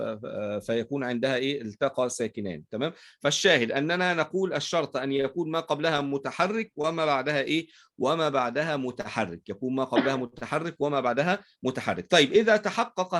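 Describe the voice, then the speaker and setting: A man's voice: medium pitch, a bit bright. A man with an Egyptian Arabic accent teaching a recitation class, posing questions to his students and answering them himself. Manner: asks leading questions and fills in the answers, checks in with "right?". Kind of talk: explaining tajweed rules in a class.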